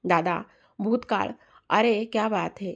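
A woman's voice: mid-range voice, slow pace. A woman voicing a chatty, teasing young wife. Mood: cheerful teasing.

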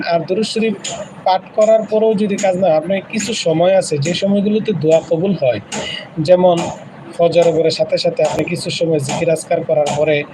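A man preaches on a live stream in an earnest, repetitive way and slows down to recite prayers. His voice sits fairly high. A steady noise runs under the recording. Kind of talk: live religious talk with recitation.

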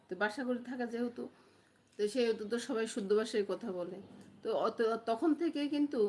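A chatty middle-aged woman from Noakhali, Bangladesh, vlogs from home, talking casually to viewers and often asking them "understand?" Her voice is medium in pitch, and the phone camera picks up a little hiss or hum.

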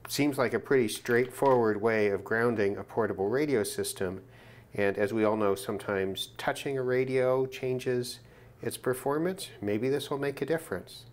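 Seated indoors at a work desk, a man presents a radio gear test video, running an unscripted hands-on demonstration. He thinks aloud in a casual, matter-of-fact way, using a mid-range voice at a moderate pace.

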